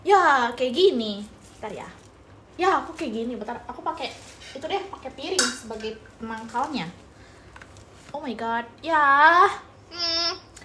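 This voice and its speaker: Playful high-voiced young woman streaming live. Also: expressive, measured pace, pauses often, noisy background. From Indonesia. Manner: playful, teasing, lots of repetition and mixed English. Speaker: mukbang livestreamer. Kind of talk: casual live-stream chat reading comments.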